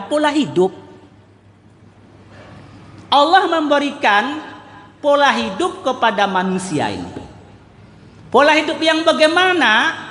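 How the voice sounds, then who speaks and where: A man's voice: extremely high pitch, pushed and bright. A male imam preaching a storytelling sermon, speaking directly and animatedly to his congregation. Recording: echoey hall reverb.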